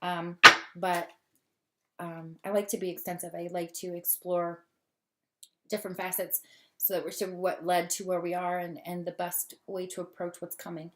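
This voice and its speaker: A woman's voice: on the low side, moderate pace. Chatty, gushing woman reading tarot. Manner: chatty, gushing, long-winded, easily excited. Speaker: tarot reader. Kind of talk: casual tarot reading to camera. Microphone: camera.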